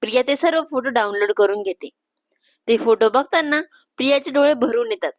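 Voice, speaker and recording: A woman's voice: on the high side, brisk, no room sound. Woman storyteller with a close, dry sound. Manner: calm, steady reading aloud. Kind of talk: scripted story narration.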